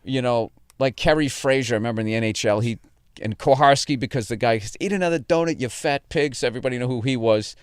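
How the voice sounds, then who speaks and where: A man's voice: medium pitch, fast talker, clean tone, dry recording, studio quality. An American man chatting casually in a blunt, sarcastic, salty way. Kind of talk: casual chat.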